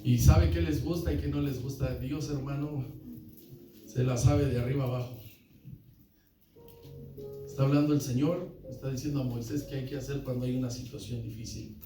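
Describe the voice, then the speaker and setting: A man's voice: medium pitch, steady tone, moderate pace, pauses often, music in the background. A man pastor preaching a sermon, often calling listeners brother and asking the congregation questions. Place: church hall. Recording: echoey church hall, from far off.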